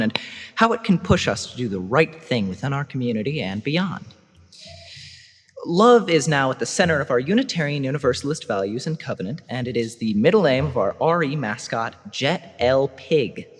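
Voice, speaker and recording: A young man giving an earnest youth sermon from notes, reading a little haltingly. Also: mid-range voice, slightly rough. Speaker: youth speaker in church. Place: indoor congregation hall, reverberant. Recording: large reverberant hall.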